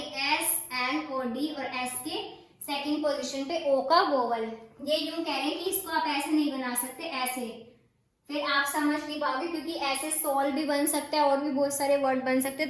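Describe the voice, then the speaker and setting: A woman with a high, somewhat bright voice teaches shorthand in an echoey room. Her explanations of the rules are casual, and she tends to ask her students rhetorical questions, repeat them, and then supply the answers.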